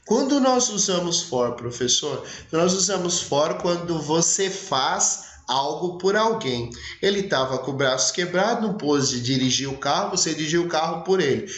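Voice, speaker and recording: A Brazilian man teaching English, reading example sentences slowly and clearly and having the class repeat after him. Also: a little high, animated, a bit bright, roomy sound. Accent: Brazilian Portuguese. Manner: slow, over-articulated English example sentences, brisk Portuguese explanations. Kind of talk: recorded lesson.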